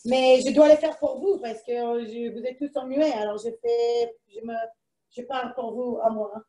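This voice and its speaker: A woman's voice: a little high, steady tone, normal speed, dark tone, roomy sound, recorded from a distance. A woman with a foreign accent in French presents a live cooking demonstration from a kitchen, chatting to herself as she works. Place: kitchen, indoors.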